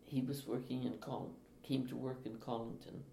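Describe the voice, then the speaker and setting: An older woman, a retired teacher, speaking slowly and reflectively in an interview. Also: extremely low pitch, little pitch movement, gravelly. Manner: slow, reflective, with soft laughs. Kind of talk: oral history interview. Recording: echoey room, faint hiss.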